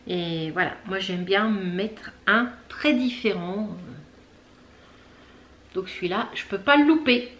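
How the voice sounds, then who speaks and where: A woman hosting a knitting video podcast from home, chatting casually with many fillers, pausing to search for words and things. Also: medium pitch, fairly bright tone, a little hiss or hum. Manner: chatty, talks straight to viewers. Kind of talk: casual show-and-tell chat.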